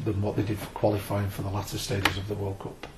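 A man's voice: fairly low pitch, monotone, fast talker, background noise. A man with an English accent chatting casually, upbeat and full of trivia and jokes. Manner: upbeat, jokey, sharing trivia. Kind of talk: casual chat.

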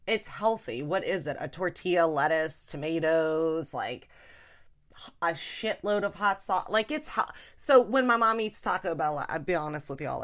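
Chatty, frank woman comedian. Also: fairly low pitch. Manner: animated, chatty and frank, with frequent laughs and playful swearing. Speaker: podcast host and comedian. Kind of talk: casual solo podcast chat.

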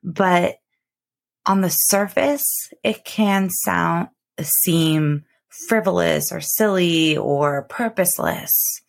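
A woman with a low voice and plenty of vocal fry speaks slowly into a close mic. She hosts a solo podcast as an intimate, casual monologue. Her delivery is reflective, with stretched words and room to pause. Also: lively intonation. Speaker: podcast host. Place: cozy bedroom, recording from bed.

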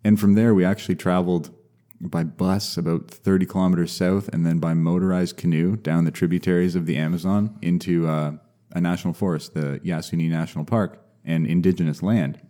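A young man, a mycologist guest, talking casually and explaining things in a measured way with some restarts. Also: sits low, fairly even intonation, dark tone. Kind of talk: casual podcast interview.

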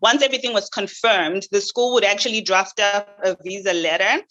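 A young woman, a guest on an interview, answering in an upbeat, measured way with frequent ums. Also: mid-range voice, a bit bright, dull audio, faint music behind. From Zimbabwe. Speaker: guest, new resident doctor. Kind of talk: casual interview.

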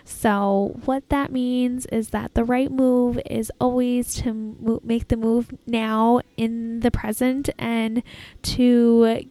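A woman hosting a casual, reflective solo podcast in an informal, halting way, recorded in an airport terminal. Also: on the high side, flat delivery, mellow. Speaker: podcast host. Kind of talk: casual solo podcast talk, self-help advice.

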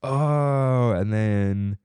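A man's voice: lowish voice, very slow, smooth, dry recording, clean studio sound. A man, co-hosting a podcast in casual chat and telling stories with lots of laughter. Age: 20s. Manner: animated, laughing storyteller. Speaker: podcast co-host.

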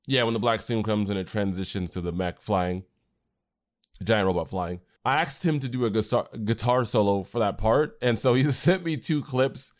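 A man's voice: on the low side, moderate pace. A man co-hosting a casual podcast chat, rambling with fillers and restarts. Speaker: podcast co-host and anime creator.

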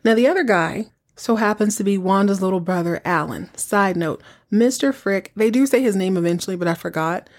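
A woman's voice: mid-range voice, brisk, few pauses. A woman podcast host giving an informal, conversational recap, telling the story with rhetorical questions and asides to the listener. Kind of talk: casual chatty episode recap.

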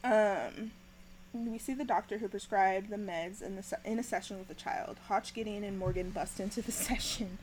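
A woman's voice: mid-range voice, normal speed, a little mellow, a little hiss or hum, rough recording. Chatty young woman recapping, lots of ums. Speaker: podcast host recapping a TV episode. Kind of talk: casual chat.

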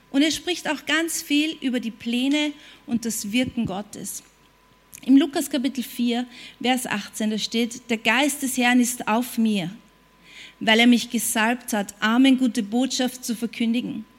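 A woman preaching a sermon, emphatic, repeating her points and putting questions to her listeners. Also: high voice. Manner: emphatic, repeats phrases and asks the audience questions.

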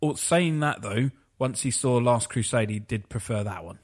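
A man's voice: medium pitch, normal speed. A man in casual podcast chat, blunt and dismissive in his opinions.

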